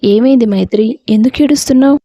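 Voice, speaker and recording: A woman's voice: a little high, fast, dark tone, no room sound, clean studio sound. A woman voicing an outspoken young woman friend who worries over her crying roommate. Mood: concerned. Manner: outspoken, teasing. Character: young woman, blunt caring hostel friend.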